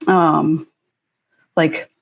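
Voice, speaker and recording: A woman from Connecticut, a guest musician chatting casually on a live stream, hesitant with many fillers and soft laughs. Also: low-pitched, little pitch movement, extremely slow, creaky, muffled recording.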